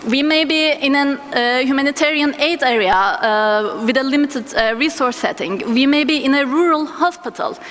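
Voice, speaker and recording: A woman giving a conference lecture as a physician, her voice thick and strained from a sore throat, speaking hesitantly with deliberate pauses. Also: high-pitched, a bit bright. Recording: echoey hall with noticeable background noise.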